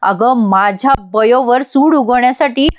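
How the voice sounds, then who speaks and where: A woman's voice: fairly high pitch, a little slow, slight background noise, natural voice. A woman voicing an outspoken woman who lectures and scolds her sister-in-law, as a dramatic reading of serial dialogue. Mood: reproachful. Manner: reproachful, lecturing.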